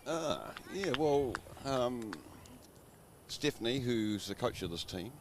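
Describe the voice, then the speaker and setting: A man's voice: mid-range voice, big pitch swings, slow, background noise. A man from New Zealand with a New Zealand accent, a friendly guest in the commentary box who laughs often.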